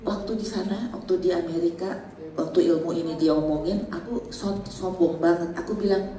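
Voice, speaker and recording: A middle-aged woman, giving a lively church workshop talk. She is chatty and joking, laughs often and mixes in English phrases. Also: lowish voice, normal speed. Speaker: seminar speaker. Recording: echoey hall, mic at a distance, faint background noise.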